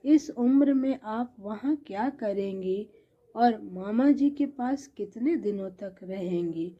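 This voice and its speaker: A gentle young daughter-in-law from a storybook, pleading politely and sounding worried, as a woman narrator puts her on. Her voice is husky and slow, with a dull lo-fi sound. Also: mid-range voice. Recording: dull lo-fi recording.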